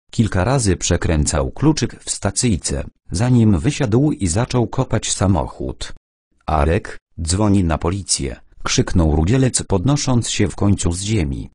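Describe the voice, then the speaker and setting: A man reading a first-person adventure audiobook aloud in an expressive, wry storytelling manner. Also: low voice, husky, dry recording, clean studio sound. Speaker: audiobook reader.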